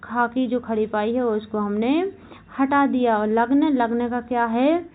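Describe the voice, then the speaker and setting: A woman teaching a Hindi grammar class for exam candidates, slowly repeating each point and asking questions that she answers herself. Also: on the high side, narrow, tinny audio. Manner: slow and repetitive, asks questions and answers them herself; keeps saying "okay, remember this". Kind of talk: exam-prep class lecture.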